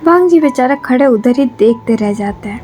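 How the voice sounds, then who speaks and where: A woman narrating fan fiction in a steady, plain storytelling way. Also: sits high, moderate pace, faint music behind.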